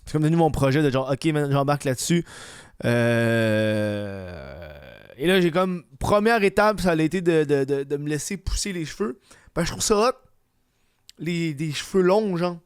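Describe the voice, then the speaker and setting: A man's voice: on the high side, lively intonation, normal speed, clear, resonant tone, dry recording, clean studio sound. A man with a Quebec French accent and a slushy lisp on his s, rambling casually and slangily as he hosts a comedic solo podcast. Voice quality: lisp, slushy s from dental aligners. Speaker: podcast host.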